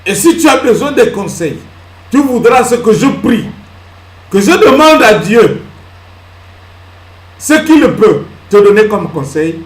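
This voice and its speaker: Animated preaching man, echoey hall. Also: high voice. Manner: emphatic preaching that swings between loud peaks and hushed asides; asks the congregation questions and answers them himself. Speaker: pastor. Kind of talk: sermon. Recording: echoey hall with faint ambience.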